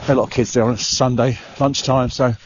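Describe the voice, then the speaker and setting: A man's voice: mid-range voice, little pitch movement, quick pace. A middle-aged man, chatting casually and a little out of breath as he walks and vlogs through a waterside park, rambling with plenty of "uh"s. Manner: rambling, chatty, with frequent "uh" and restarts. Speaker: travel vlogger. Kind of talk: casual walking vlog. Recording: dull lo-fi sound with clear background noise.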